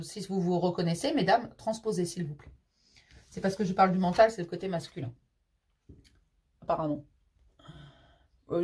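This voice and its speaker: Her voice is a little high with a darkish tone as this medium gives a relaxed tarot reading. She reassures the listener affectionately as "mon petit chéri" and chats on with lots of fillers and repetition.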